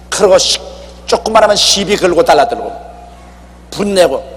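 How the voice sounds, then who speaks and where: A man preaching an animated, exhorting sermon as a pastor in a church sanctuary, often acting out dialogue. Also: high-pitched. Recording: echoey hall with faint hum.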